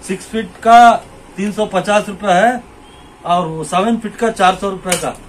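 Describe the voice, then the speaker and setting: Speaking a little slowly in a high voice, a middle-aged Indian man casually shows fishing gear to the camera in a small, cluttered indoor shop. He points things out to the viewer and goes over the same points repeatedly, and the low-quality recording has slight background noise.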